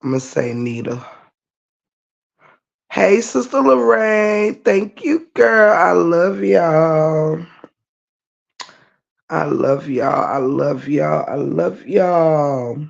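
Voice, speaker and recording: Lying in bed at home, a livestream host greets her viewers in a laid-back, casual chat. Her naturally low voice is scratchy and creaky after a night of singing, and she sounds animated, drawing out words and pausing often. The stream audio is dull and lo-fi.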